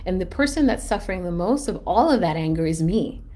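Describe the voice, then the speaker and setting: Warm-toned and a little fast, with a fairly low pitch and lively intonation, a mother in her thirties tells a candid personal story on a casual live stream. She reflects on herself, rambles, restarts, and laughs at herself.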